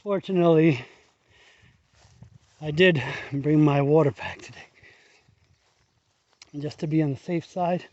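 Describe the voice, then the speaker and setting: Breathless male hiker, chatty and rambling, soft warm tone, muffled mic. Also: a little high, measured pace, pauses often, dry recording. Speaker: hiking vlogger. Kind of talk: casual narration while hiking. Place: outdoors on a field trail.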